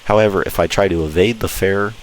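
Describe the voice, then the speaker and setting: A man's voice: low-pitched, steady tone, fast talker, low-quality recording. A man giving an enthusiastic, informal walkthrough commentary as host of a gameplay video. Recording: clear background noise.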